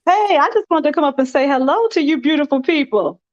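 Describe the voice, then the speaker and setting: A woman with a high voice chats casually as a livestream guest. Her call audio is dull and lo-fi. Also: lively intonation, a little fast. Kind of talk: casual chat.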